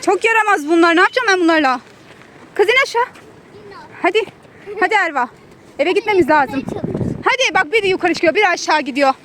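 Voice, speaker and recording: A woman's voice: extremely high pitch, lively intonation, fairly quick, pauses often, fairly bright tone. A mother filming her children outdoors, calling after them, scolding and laughing in a casual family vlog. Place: outdoors in a park or picnic area. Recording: noisy outdoor phone recording.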